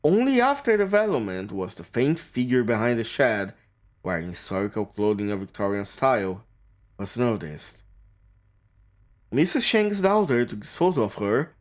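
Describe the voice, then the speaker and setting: A man streams a game and reads its text aloud, often tripping over a word and starting again. His pitch swings widely as he reads, sitting in a middle register. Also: sing-song. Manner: reads haltingly, stumbles and restarts on words.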